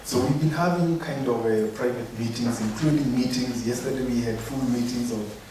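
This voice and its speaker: A man's voice: medium pitch, normal speed. A man giving opening remarks as forum chair, hesitant with many fillers. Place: hotel conference room. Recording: echoey conference hall, mic far off, noisy.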